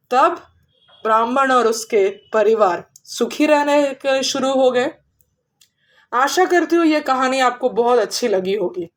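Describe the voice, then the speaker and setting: A woman tells a horror story at a very slow, unhurried pace in a fairly high voice. Her narration is informal, and she often restarts her sentences partway through.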